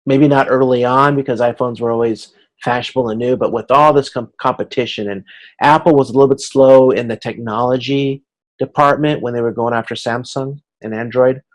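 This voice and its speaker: On a video conference, a male instructor delivers a casual explanatory lecture, thinking out loud in a halting way. His pitch is medium and his tone stays steady.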